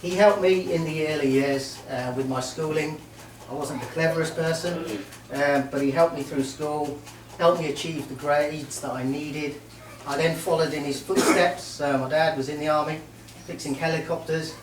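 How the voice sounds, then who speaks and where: A middle-aged man from Merseyside, England, gives a best man's speech at a wedding reception, warm and joking but halting with lots of ums. His voice is a bit high with a steady tone. The mic is far off in a roomy hall, with faint noise.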